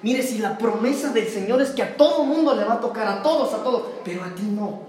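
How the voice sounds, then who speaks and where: A man's voice: very high voice, lively intonation, brisk, darkish tone. A man preaching a fervent sermon in a church, calling his listeners "brother" again and again. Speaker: pastor. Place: church sanctuary. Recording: roomy church echo.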